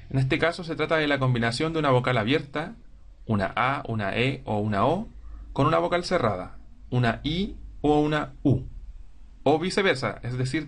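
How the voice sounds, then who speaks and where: A man teaching a grammar lesson, explaining slowly and clearly and sounding out words syllable by syllable. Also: fairly high pitch.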